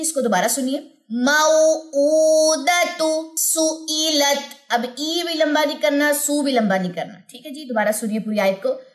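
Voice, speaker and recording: A woman with a Pakistani Urdu accent teaching Quran recitation, explaining each sound step by step and then chanting the verses in a long drawn-out melody. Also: on the high side. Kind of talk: tajweed lesson with recitation.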